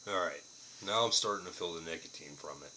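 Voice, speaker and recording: A man's voice: low voice, quick pace, sharp tone, a little hiss or hum, rough recording. A man giving a casual, unscripted product review to camera, plain-spoken and casually profane.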